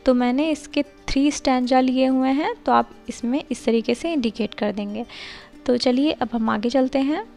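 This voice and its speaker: A woman explains a lesson plan step by step as a tutor, moving between Hindi and English. She reads each English phrase slowly and deliberately. Her voice sits fairly high with a gravelly edge, and faint music plays behind her. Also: darkish tone. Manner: slow deliberate reading of English lines. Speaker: teacher-training tutor.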